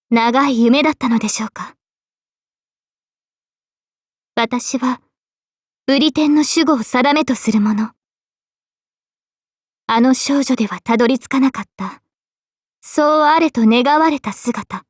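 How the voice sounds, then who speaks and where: These Japanese game voice lines belong to an earnest, modest, tomboyish girl mage who later becomes a solemn king, and here she sounds solemn and regal. Her voice stays high, clear, and youthful, courteous and earnest in manner. The recording is close and dry, with no room sound.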